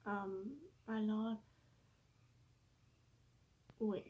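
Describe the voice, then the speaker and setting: A woman's voice: mid-range voice, flat delivery, drawn-out words, phone-quality sound. A woman vlogging casually in French with an English-influenced accent, hesitant and full of fillers as she searches for words, apologizing for her speaking. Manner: apologetic, self-conscious. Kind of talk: casual vlog monologue.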